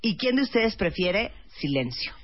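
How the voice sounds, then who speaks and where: A woman with a Mexican accent hosting a radio talk show, chatting lively with listeners and co-hosts. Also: mid-range voice, moderate pace, slightly rough, faint music behind. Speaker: radio host. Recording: slightly muffled radio broadcast.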